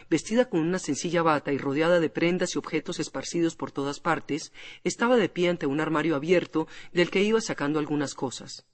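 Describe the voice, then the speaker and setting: A man narrating a classic novel as an audiobook in a measured storytelling manner. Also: on the high side. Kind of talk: scripted literary narration. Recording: long hall reverb.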